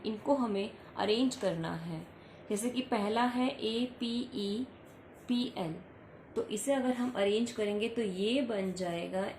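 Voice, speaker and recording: A woman teaching a worksheet lesson, explaining English words patiently and spelling them out letter by letter. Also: medium pitch. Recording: echoey room with faint background hum.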